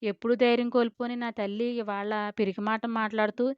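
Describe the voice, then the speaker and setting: A doting, anxious motherly older woman, voiced by a woman narrator in an audio story. She speaks tenderly and soothingly. The voice is smooth, with slightly dull audio. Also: fairly high pitch, flat delivery, brisk, dry recording, lightly acted.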